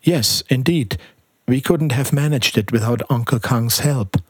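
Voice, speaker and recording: A man reading aloud, voicing an anxious mother who speaks softly and urgently to her sick son. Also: medium pitch, a little slow, breathy edge, dry recording, studio quality. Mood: grateful. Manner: soft, hushed and urgent.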